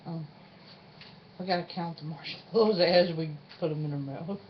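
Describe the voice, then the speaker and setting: A woman's voice: low-pitched, moderate pace. A woman hosting a casual challenge vlog, chatting in an informal, folksy and self-deprecating way. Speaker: host of a challenge video. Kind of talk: casual vlog chat with a partner. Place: indoors at home, room with a refrigerator. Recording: dull lo-fi sound with faint noise.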